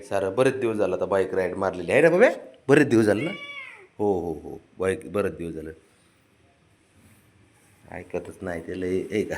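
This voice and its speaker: Man coaxing his cats in sing-song. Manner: coaxing and teasing, swinging between soft murmurs and high sing-song pleading. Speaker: cat owner vlogger. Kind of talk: casual talk to pet cats. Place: at home.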